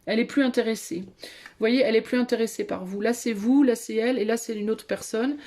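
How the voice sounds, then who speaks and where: A woman's voice: a little high, steady tone, a little fast, mellow. A woman giving a casual tarot reading to her viewers, chatty and hesitant, with many fillers and restarts. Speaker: tarot reader.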